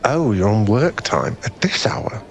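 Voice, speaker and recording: In an ASMR boyfriend roleplay, a man plays a friendly young guy with a fairly low voice who gets easily flustered, rambling in a self-effacing, soft-hearted way. He's very animated yet keeps a measured pace, sounding sympathetic and reassuring. Some ambient noise sits behind him.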